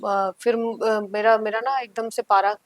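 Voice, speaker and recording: Brief: higher-pitched woman guest, animated storyteller, dry close sound. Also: measured pace, dry recording. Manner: vivid storytelling, acting out her own past lines. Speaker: guest singer. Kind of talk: podcast storytelling.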